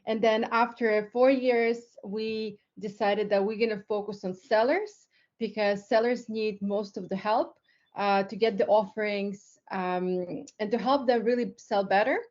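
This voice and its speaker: A woman's voice: mid-range voice, steady tone, unhurried, darkish tone. A woman from Lithuania, a tech company co-founder, giving a casual webinar presentation with many fillers and restarts over a video call. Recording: slightly dull online call audio.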